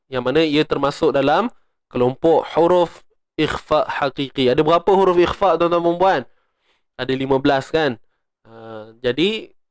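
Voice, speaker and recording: Smooth-voiced Malaysian man teaching recitation. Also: fairly high pitch, dry recording, clean studio sound. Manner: explains step by step, chants verses in a raised voice. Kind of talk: tajwid lesson with recitation.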